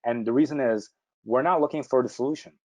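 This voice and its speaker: A man presenting a live webinar, answering viewer questions quickly and informally, with frequent fillers and restarts. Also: medium pitch, a little mellow, poor audio.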